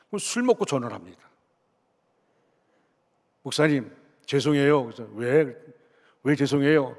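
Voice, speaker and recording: A middle-aged male pastor preaching a sermon, telling a story and acting out the dialogue, at times speaking with strong force. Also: fairly high pitch. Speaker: senior pastor. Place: church sanctuary. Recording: long church hall reverb.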